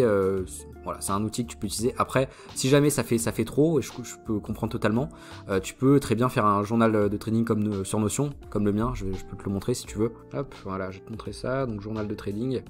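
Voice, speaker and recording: Fast-talking young man, hesitant and chatty. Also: mid-range voice. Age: young adult. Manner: hesitant, many fillers and restarts, addresses viewer informally. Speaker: trading YouTuber. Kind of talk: casual screen-share product walkthrough.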